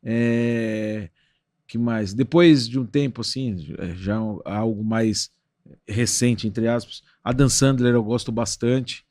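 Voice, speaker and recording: A man as a podcast guest, telling stories in a relaxed, slangy way and laughing easily. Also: mid-range voice, slow pace, no echo, clean studio sound. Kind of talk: casual chat.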